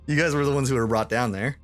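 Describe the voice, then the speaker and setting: A man's voice: medium pitch, wildly swooping pitch, moderate pace, dry recording. A man narrating a tabletop game as game master, laughing often as he describes the scene. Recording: faint music behind.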